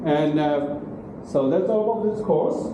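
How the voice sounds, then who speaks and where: A middle-aged man's slightly high, unhurried voice carries a university lecture in broken English, with frequent "okay?" and "right?" check-ins. The audio comes from a distant room camera in a large classroom and is very echoey and noisy.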